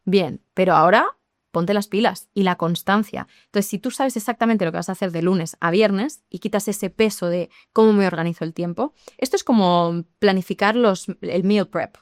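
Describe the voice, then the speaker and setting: Lively woman explaining. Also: mid-range voice, moderate pace, no echo, clean studio sound. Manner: lively, explanatory, addresses listeners directly. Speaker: English teacher. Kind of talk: podcast conversation.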